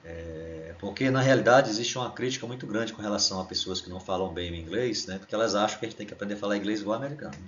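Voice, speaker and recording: Low-voiced Brazilian man teaching English. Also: a bit bright, muffled recording, slight background noise. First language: Portuguese. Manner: explains at length with frequent "né?" and slow spelled-out examples. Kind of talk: online English lesson.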